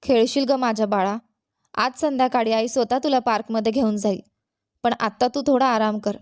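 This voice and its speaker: A woman voicing a gentle young mother. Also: on the high side, steady tone, fairly quick, natural voice. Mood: tender. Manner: gentle, soothing. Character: tender young mother, worried.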